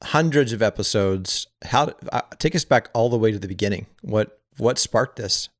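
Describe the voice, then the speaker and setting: A man's voice: on the low side, no room sound, studio quality. A man hosting a podcast over a video call, playful and joking with his guest. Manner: playful, joking, quick interjections. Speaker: podcast host. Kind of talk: casual interview hosting.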